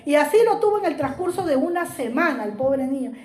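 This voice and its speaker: A woman's voice: high voice, lively intonation, brisk, darkish tone. A woman giving a sermon in Spanish, telling a story expressively before turning it into a lesson for her congregation. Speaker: preacher. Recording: roomy echo.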